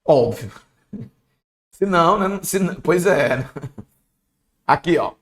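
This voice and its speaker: A man's voice: high-pitched, takes it slowly, a bit bright. A man teaching an exam-prep language lesson in a playful, chatty way, talking straight to his viewers.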